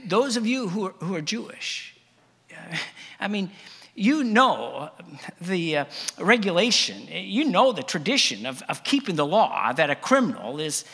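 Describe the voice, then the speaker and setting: A man plays the Apostle Paul as a reluctant braggart, sarcastic and stammering as he lists his credentials. His husky, gravelly voice is high and bright and swings widely in pitch. He speaks slowly, with the long reverb of a large hall behind him. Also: big pitch swings, heavily acted. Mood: ironic. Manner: halting, stammering, heavy with irony. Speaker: actor in a first-person biblical monologue. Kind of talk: dramatic monologue to a congregation.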